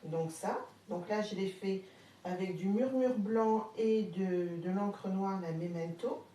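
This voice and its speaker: A mellow-voiced woman with a slight Haute-Marne accent, talking through a casual live craft demo with lots of hesitant fillers. She sounds a little distant from the camera mic, in a roomy space with a faint hum behind her. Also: medium pitch, takes it slowly. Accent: Haute-Marne French. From France. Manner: chatty, hesitant with many fillers, greets viewers. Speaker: craft live-stream host.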